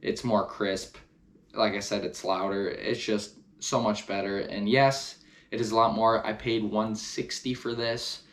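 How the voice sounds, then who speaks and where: A man's voice: lowish voice, flat delivery, measured pace. Casual man giving an enthusiastic gear review. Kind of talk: casual product review to camera.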